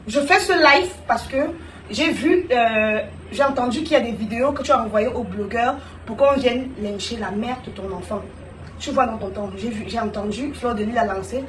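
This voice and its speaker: A woman speaking live to her viewers, animated and teasing, addressing them directly. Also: fairly high pitch, moderate pace, reverberant, far from the mic, slight background noise. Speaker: live streamer. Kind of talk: live stream monologue to viewers.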